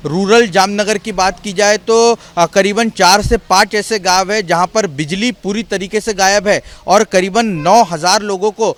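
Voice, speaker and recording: A male field reporter gives a live news update. His voice is high for a man. He speaks haltingly, breaking phrases up with hesitations. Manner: halting delivery with repeated pauses and filler phrases.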